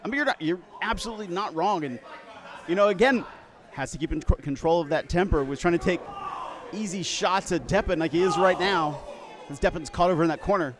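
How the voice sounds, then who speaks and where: A man's voice: high-pitched, a little fast. A man giving live wrestling commentary in a conversational way, with short reactive phrases. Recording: noisy live event with loud crowd. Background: crowd and event noise.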